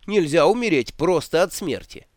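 A man's voice: fairly high pitch, expressive, normal speed, no room sound, studio quality, voice pushed up, lightly acted. A man voicing a jittery cowardly male wizard who protests indignantly in a raised voice. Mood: defiant.

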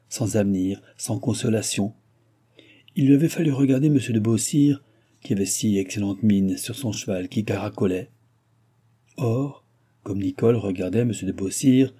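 Husky, dark-voiced male narrator. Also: fairly low pitch. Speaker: audiobook narrator. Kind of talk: reading a classic novel aloud.

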